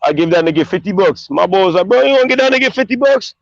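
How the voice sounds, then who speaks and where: A man's voice: high-pitched, lively intonation, rapid-fire, gravelly, no echo. A man from Haiti hosting a casual streamed chat, telling blunt, profane stories full of fillers. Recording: dull lo-fi stream audio.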